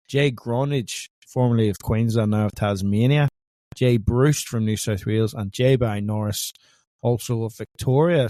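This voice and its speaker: A man's voice: mid-range voice, mellow, no room sound, studio quality. A man co-hosting a casual sports podcast, chatty and joking, calling his co-host "mate".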